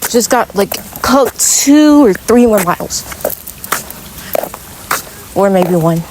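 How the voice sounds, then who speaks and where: A woman talks slowly and easily as she walks a country road, filming on her phone. She chats away and coos at animals in a sweet, coaxing way, and steady outdoor noise sits clearly behind her voice. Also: medium pitch. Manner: chatty, talks to animals in a coaxing baby-talk voice. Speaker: vlogger. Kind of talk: casual vlog walking with animals.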